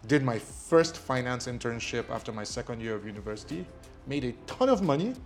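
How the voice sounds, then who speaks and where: A man's voice: mid-range voice, sing-song, brisk, soft background music. A man from Nigeria whose first language is Ijesha, a guest telling his story with lots of ums and a self-deprecating air. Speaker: guest, media company CEO. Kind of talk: casual interview.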